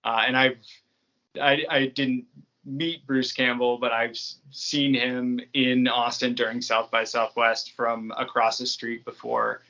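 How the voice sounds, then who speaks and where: Here a podcast creator from New England, United States, talks as an interview guest in a relaxed, meandering way. His medium-pitched voice is flat and measured, pushed and bright, captured with lo-fi sound.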